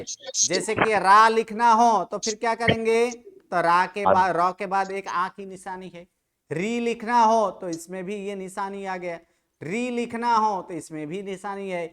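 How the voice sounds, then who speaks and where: Classroom teacher, smooth clear voice, mid pitch, quizzes constantly, repeats answers back. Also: pushed and bright. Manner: quizzing students with constant questions. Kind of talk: classroom Sanskrit grammar lecture.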